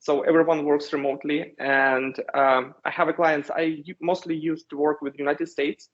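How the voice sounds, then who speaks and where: A man in his thirties from Ukraine with a Ukrainian accent, a company founder giving measured interview answers with frequent hesitations. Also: fairly high pitch, little pitch movement. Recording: dull lo-fi sound.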